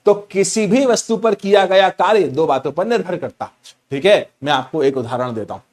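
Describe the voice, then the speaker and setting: A middle-aged man teaches physics online with a slightly high voice. He is playful and repeats each key point, calling his students his children. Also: animated, normal speed. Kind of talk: online class lecture.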